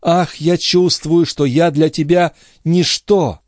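A man voicing Lorenza, a passionate, sorrowful young clairvoyant wife, in a high, imploring, tearful tone in an audiobook reading. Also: fairly even intonation, slow pace, a little mellow, no room sound, clean studio sound. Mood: pleading.

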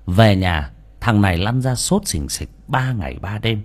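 A man narrating a folk ghost story in a lively, colloquial, dramatic way. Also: fairly low pitch, measured pace. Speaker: audiobook narrator.

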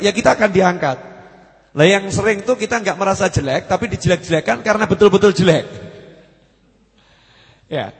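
Male preacher, high voice, explanatory sermon style, echoing hall. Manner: explanatory, repeats key phrases. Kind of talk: Islamic study sermon.

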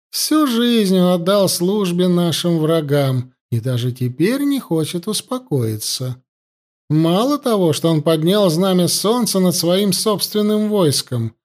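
A cruel, scheming high priestess, mocking and cold, her voice pitched high and swinging widely as she taunts her captive, as a man puts her on. She speaks with icy command in this storybook reading. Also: darkish tone, exaggerated voice.

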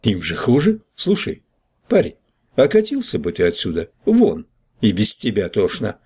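A man's voice: lowish voice, wildly swooping pitch, moderate pace, a little mellow, slightly rough, heavily acted. A man reading an audiobook and voicing a rude, scrawny newspaper clerk who talks in a brash, mocking way.

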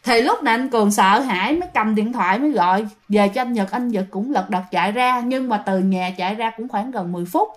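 A woman's voice: a little high, a little fast, few pauses. A woman with a Southern Vietnamese accent telling a ghost story in a chatty way and often speaking directly to her listeners.

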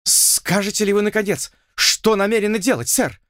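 A haughty English lord of the king's court squeals his outrage in a high, strained voice, put on by a male reader. The telling is dry and close, and his pitch swings wildly. He sounds pompous and easily offended. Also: animated, fairly quick, fairly bright tone, no echo. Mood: indignant. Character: haughty, shrill English lord, envoy of the king.

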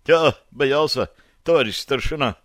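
A man's voice: mid-range voice, unhurried, fairly bright tone, dry recording, voice pushed up, natural voice. A man voicing a frightened, dazed young soldier who answers eagerly in strained replies, in a dry recording.

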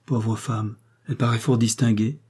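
A man's voice: fairly low pitch, fairly even intonation, normal speed, darkish tone, breathy edge. A man voicing a kindly, well-off middle-aged mother who speaks cheerfully and with affectionate firmness, in a storybook reading.

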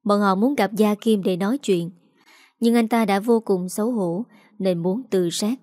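Woman narrating a story, even read, mellow darkish voice, dry close sound. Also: medium pitch, unhurried, no echo.

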